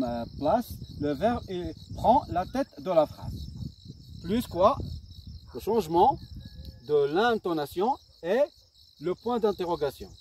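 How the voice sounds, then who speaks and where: A male teacher giving a slow, lively grammar lesson, dictating and repeating himself with hesitations. His voice is picked up from a distance, with faint insect chirping in the background. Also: a little high, a little hiss or hum. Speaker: primary school teacher.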